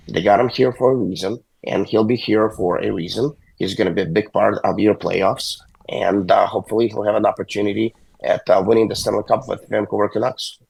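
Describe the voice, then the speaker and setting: A sick hockey agent calls into an interview from a hospital room; his low, gravelly voice is husky, hoarse and a little mellow. He keeps hesitating, with many fillers and restarts. The phone recording is rough, dry and close.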